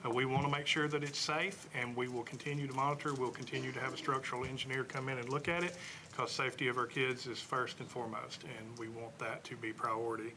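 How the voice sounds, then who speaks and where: A man's voice: medium pitch, flat delivery, fast talker, background noise. A man serving as school superintendent, giving an earnest board meeting report with frequent fillers.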